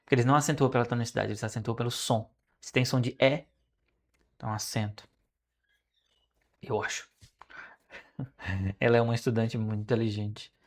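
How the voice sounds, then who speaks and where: A Brazilian Portuguese speaking man studying French aloud, repeating phrases slowly and correcting himself as he goes. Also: mid-range voice, fairly even intonation. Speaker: language learner streaming his study. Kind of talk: casual study vlog, thinking aloud.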